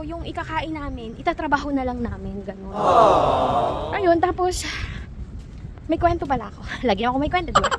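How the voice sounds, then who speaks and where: Speaking in a high voice over background noise, a young woman from the Philippines casually chats with her viewers outside in the cold. She laughs frequently and tells stories, even though she's feeling sick, low and tired.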